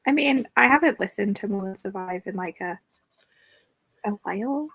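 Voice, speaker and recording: Gravelly, husky woman hosting a stream. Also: mid-range voice, expressive, normal speed, a bit bright, no echo, low-quality recording. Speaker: host of a reading sprint stream. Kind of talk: casual group chat on a livestream.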